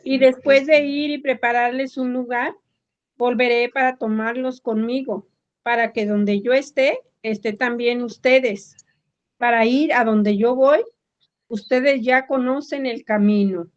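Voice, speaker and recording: Mexican lady reading bible verses out loud, slow and steady, higher voice, lo-fi sound. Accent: Mexican Spanish. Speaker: student in a Bible class. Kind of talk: reading scripture aloud. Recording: dull lo-fi sound.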